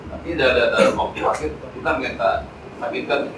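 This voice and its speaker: A man's voice: medium pitch, fairly even intonation, quick pace. A man in a mosque audience hesitantly asking a question, searching for his words. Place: mosque hall. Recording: very echoey hall, distant, loud noise.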